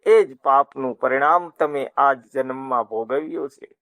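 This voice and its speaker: A man voicing Krishna, calm and wise. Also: medium pitch, measured pace, no room sound, lightly acted. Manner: calm, gentle, instructive.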